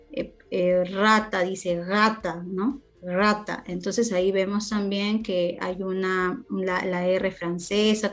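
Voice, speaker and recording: A woman giving a group class presentation, speaking deliberately and drawing out her examples. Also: mid-range voice. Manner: slow, deliberate, drawn-out examples. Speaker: student presenter.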